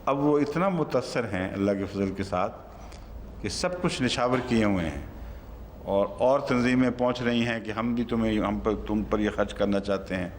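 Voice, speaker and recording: A man's voice: fairly low pitch, big-room sound, a little hiss or hum. A man giving an unscripted religious lesson in a conversational manner, stopping now and then to question a helper. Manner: conversational, breaks off to quiz a helper. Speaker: religious teacher giving Quran commentary. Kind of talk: unscripted sermon-like lesson to a gathering.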